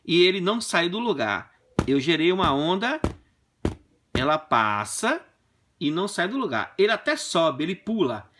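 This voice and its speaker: A man teaching a physics class in a classroom, explaining with playful, animated stories. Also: high voice, moderate pace. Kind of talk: lively classroom lesson with comic anecdotes. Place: classroom with a whiteboard.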